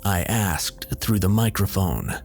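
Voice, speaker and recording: A man narrating a first-person horror story in a measured storytelling manner. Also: low-pitched, darkish tone, soft background music. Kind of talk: scripted narration.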